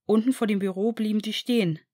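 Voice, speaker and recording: A woman narrating a story in an even, steady audiobook reading. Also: mid-range voice, fast. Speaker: fan fiction reader.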